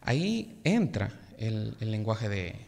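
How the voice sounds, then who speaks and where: Teacher guy on radio, kinda gravelly, slow professorial explaining, echo trailing off. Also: on the low side, big pitch swings, darkish tone. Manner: measured, professorial, many hesitations. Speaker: language teacher, guest. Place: radio studio. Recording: gravelly voice with long reverb.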